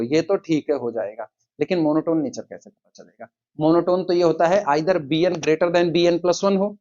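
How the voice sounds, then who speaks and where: A man teaching a math lecture, dictating steps slowly and quizzing his students as he goes. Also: sits high, darkish tone, lo-fi sound. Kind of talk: classroom lecture.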